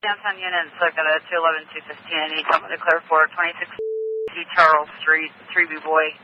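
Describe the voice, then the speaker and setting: A man working as a police dispatcher, heard over a police radio that sounds muffled, with faint hiss underneath. His voice sits a little high, and he reels off radio codes, addresses and suspect details in a clipped, procedural way. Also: little pitch movement, fairly quick.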